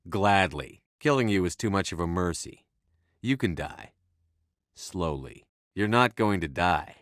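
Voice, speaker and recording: Commander Shepard, a low-voiced military commander. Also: male voice, a bit bright, dry recording, studio quality. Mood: angry, defiant, then cold menace. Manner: firm, commanding, clipped delivery. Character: resolute human military commander, stern and driven. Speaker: video game protagonist. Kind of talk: video game dialogue acting.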